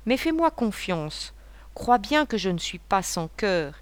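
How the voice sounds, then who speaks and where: A woman's voice: mid-range voice, big pitch swings, unhurried, smooth, no echo. A woman reading the part of a grave, earnest young husband in an audiobook, in her own voice with a serious, pleading manner.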